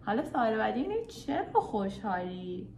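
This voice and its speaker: A woman teaching beginner English, upbeat and full of praise, drilling phrases slowly. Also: on the high side, very animated, a little mellow, echoey room, a little hiss or hum.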